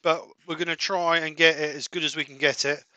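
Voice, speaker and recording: A man's voice: a little high, steady tone, a little fast, pushed and bright, no echo. A man hosting a casual woodturning livestream from his workshop, chatting and laughing easily while he works at a lathe. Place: home workshop at a wood lathe.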